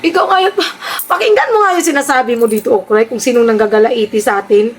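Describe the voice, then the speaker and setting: A woman's voice: fairly high pitch, quick pace, husky. A woman giving mocking, sarcastic reaction commentary on clips, often teasing and laughing.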